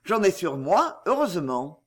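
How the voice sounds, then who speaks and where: A man's voice: high voice, very animated, a little slow, a bit bright, heavily acted. A man voicing a stern retired lawyer in an audiobook, scolding insistently. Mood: indignant. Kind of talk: audiobook character reading.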